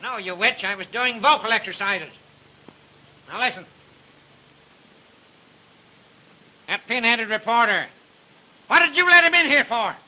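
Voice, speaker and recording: An actor playing an irritable, insulting crime-story writer in an early 1930s film. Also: male voice, high voice, normal speed, bright, forceful tone, muffled recording. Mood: scolding. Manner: barking, insulting, impatient.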